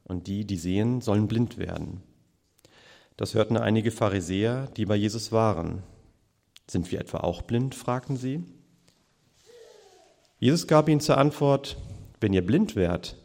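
A man reading a long scripture passage aloud in church, in a measured, steady way. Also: fairly low pitch, gravelly, big-room sound. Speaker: scripture reader.

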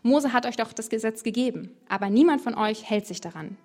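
Earnest male teacher figure, read by a woman with firm emphasis, pitched a touch high. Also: brisk, darkish tone, close to an everyday voice. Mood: earnest, insistent.

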